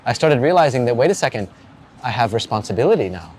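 Interviewing a stranger about faith on the seaside, a forty-something street evangelist asks earnest, searching questions full of restarts. He talks fast in a mid-range, darkish, sing-song voice, with slight background noise.

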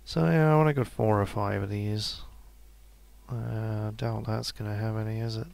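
A man giving relaxed, casual commentary while playing a game, musing to himself and laughing softly now and then. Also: fairly low pitch, moderate pace, creaky, smooth, no echo. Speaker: let's play gamer.

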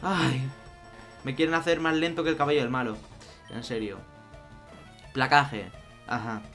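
A young man with a Spain Spanish accent commenting on his own gameplay, excitable, swinging from mumbled asides to loud outbursts. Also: medium pitch, measured pace. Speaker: let's play youtuber. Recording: faint music behind.

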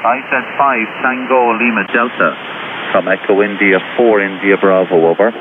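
A man with a fairly low voice talks as a ham radio operator, spelling call signs in phonetics. He is friendly and a little hesitant, and the sound is thin and phone-like with clear hiss. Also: normal speed. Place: home radio shack, indoors.

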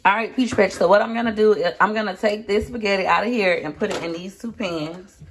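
Stirring a pot in her home kitchen, a cooking vlogger called Peach Patch chats with her viewers in a folksy, talkative way. Her voice is medium-pitched and a bit quick, with a faint hiss or hum in the recording.

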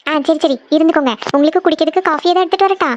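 An actor voicing a cheerful young wife in an animated family cartoon, talking in a bright, eager and playful way. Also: extremely high pitch, rapid-fire, lo-fi sound, a little hiss or hum.

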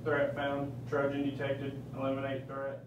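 A man's voice: mid-range voice, monotone, normal speed, muffled recording, natural voice. A man playing a cold robotic security scanner with clipped, mechanical delivery in an amateur comedy film. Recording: very echoey, noisy, distant room sound.

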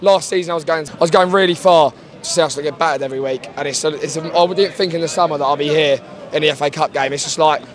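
A man's voice: fairly high pitch, fairly even intonation, fast, hardly any pauses. A young man, a travelling football fan, answering interview questions outside a stadium in an earnest, rambling way. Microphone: handheld mic held by interviewer.

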